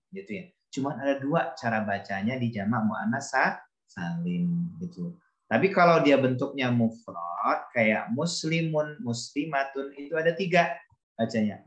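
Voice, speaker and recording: A man's voice: medium pitch, echoey room. A male teacher giving a grammar lesson, explaining patiently, repeating examples and calling on students by name. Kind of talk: classroom lesson.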